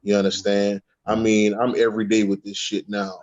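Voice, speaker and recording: A man's voice: fairly low pitch, monotone, normal speed, darkish tone, lo-fi sound. A man in casual spiritual talk, profane, often repeating words and checking in with "okay?". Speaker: guest speaker on a spiritual panel.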